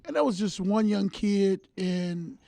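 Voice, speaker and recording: A man's voice: high voice, lively intonation, a little slow, gravelly, warm tone, dry recording. A man rambling through a story on a casual podcast panel.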